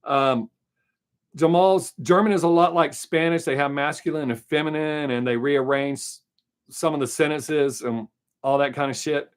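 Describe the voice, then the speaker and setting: This livestream host, a middle-aged American man with a Southern drawl, works through chat questions in a rambling, candid, profane manner. He speaks with a smooth, steady, higher-pitched voice at a moderate pace.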